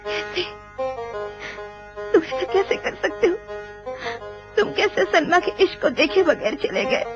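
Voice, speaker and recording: A woman's voice: extremely high pitch, animated, a little slow, lo-fi sound, music in the background. Pleading, accusing young woman. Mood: reproachful. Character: reproachful young woman pleading with a departing man. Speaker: voice actor in a film dub. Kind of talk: dubbed film acting.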